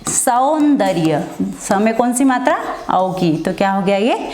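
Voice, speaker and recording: A woman's voice: medium pitch, animated, normal speed, a little mellow, echoey room, slight background noise. A woman teaching a Hindi lesson, asking questions and answering them herself as she goes. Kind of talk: online classroom lesson.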